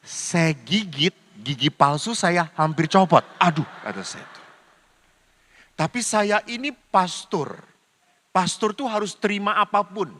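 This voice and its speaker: High bright-voiced older priest preaching. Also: male voice, animated, a little slow. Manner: storytelling, mimics dialogue with voice changes. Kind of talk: humorous sermon with acted anecdotes. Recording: reverberant hall sound.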